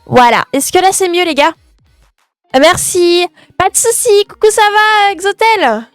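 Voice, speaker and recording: A woman's voice: very high-pitched, lively intonation, unhurried, no echo. A woman streaming live from her bedroom, chatting with her viewers, greeting them by name and correcting herself as she goes. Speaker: gaming streamer. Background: faint music.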